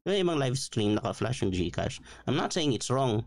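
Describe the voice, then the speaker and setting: A male pastor tells a personal testimony on his livestream with animated feeling and many fillers, slipping into English phrases along the way. His voice sits in an ordinary middle pitch. The sound is dry and close, with no room echo. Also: moderate pace, vocal fry. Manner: mixes Tagalog with English phrases. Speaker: pastor and online show host. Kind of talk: testimony-style preaching on a livestream.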